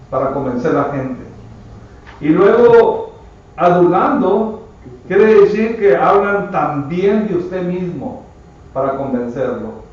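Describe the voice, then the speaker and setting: A man preaching a sermon with emphatic delivery, often addressing listeners as brother. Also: sits high. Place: church. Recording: echoey church from far off, muffled.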